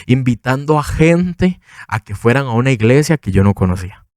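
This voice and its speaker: A man's voice: normal speed, no room sound, studio quality. A young man from Costa Rica telling his conversion story casually on a podcast, acting out the people he quotes. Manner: animated storyteller, quotes others with big pitch jumps. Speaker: podcast co-host. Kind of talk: casual testimony.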